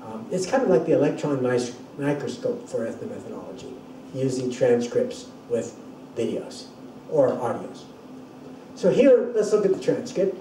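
A man's voice: mid-range voice, big pitch swings, moderate pace, mellow, a little hiss or hum. An older man giving a university lecture, explaining things thoughtfully and often restarting his sentences. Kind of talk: classroom lecture. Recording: echoey room, distant mic.

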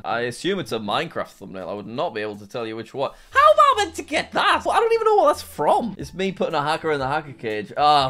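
A man's voice: fairly bright tone, smooth. Laughing young man with a Northeast English accent. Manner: chatty, laughs often, sudden high-pitched exclamations. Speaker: YouTuber host. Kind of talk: casual reaction commentary.

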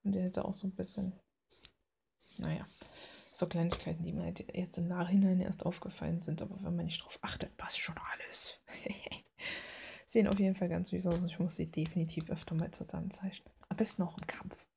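In a whisper, a woman video creator rambles casually and self-deprecatingly about her finished drawing. Her voice is fairly low, gravelly, and darkish, delivered flatly and a little fast, against faint background noise with clicks.

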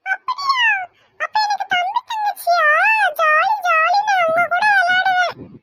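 A woman voicing a small, curious and cheerful girl in a squeaky voice, with a Kanyakumari Tamil accent. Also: unhurried, very noisy. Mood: excited.

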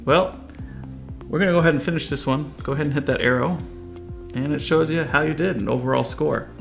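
A man in his forties with an American accent hosts an instructional video, explaining and coaching in a casual style from a furnished indoor living room. His voice is a little high and creaky, and he speaks a little fast. Soft music plays in the background.

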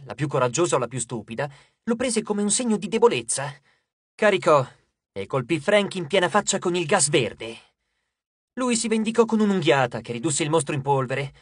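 A man narrating an audiobook with expressive storytelling, recorded on a studio microphone. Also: on the high side, breathy edge, no echo.

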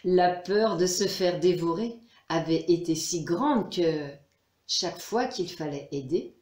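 Woman storyteller, low voice, unhurried, reading a children's tale in a roomy space. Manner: measured, expressive. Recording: roomy echo.

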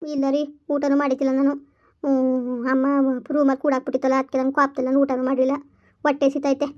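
A woman plays a young village wife who pleads with her husband in a homemade drama. Her voice sits high and fast, with a flat, narrow melody. The recording sounds a little dull and lo-fi. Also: close to an everyday voice. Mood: hurt pleading. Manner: pleading, emotional. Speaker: [name]. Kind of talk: village vlog drama acting.

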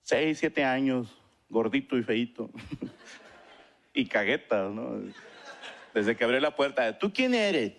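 A man's voice: mid-range voice, slow, long pauses, slight background noise. A man with a Mexican accent doing a stand-up comedy monologue, telling crude slangy stories and acting out the voices in them. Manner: crude slangy storytelling, acts out quoted voices. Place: comedy stage before an audience. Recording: live stage mic with loud crowd laughter. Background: audience laughter.

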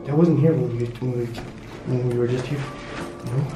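A man's voice: mid-range voice, steady tone, moderate pace, loud music behind the voice. A young man with a nervous, repetitive, slangy way of talking in a casual night exploration vlog. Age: young adult. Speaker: vlogger. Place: abandoned house and dark outdoors at night. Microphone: handheld camera mic. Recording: echoey, off-mic, noisy handheld camera audio.

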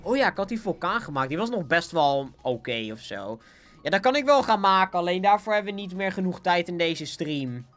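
A man's voice: sits high, lively intonation, fairly quick, a bit bright. A young man with a Dutch accent, chatting casually as a gaming livestreamer, bouncy and giggly, with a sore throat. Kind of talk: casual live game commentary. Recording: faint music behind.

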